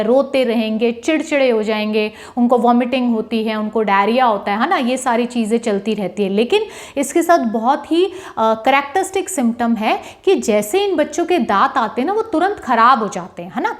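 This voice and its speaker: A woman with a high voice, teaching a lesson in a lively, animated way. She acts out a child's pleading demands and keeps checking that her listeners follow, slipping English terms in as she explains. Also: moderate pace. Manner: mixes English terms into Hindi, asks "है ना?" often. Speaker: homeopathy teacher. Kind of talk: explanatory lecture.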